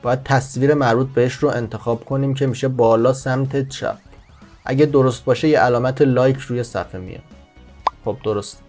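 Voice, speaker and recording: Brief: male host for a tutorial voice-over, mid-pitched, slows down to explain words, soft music under it. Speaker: language-learning channel host. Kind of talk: screen-recorded tutorial voice-over.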